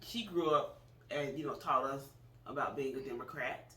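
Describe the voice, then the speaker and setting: Earnest and hesitant, often restarting his sentences, a man in his forties co-hosts a casual political chat. He speaks at a moderate pace in a mid-range voice with a bright, forceful tone, recorded from a distance in an echoey room.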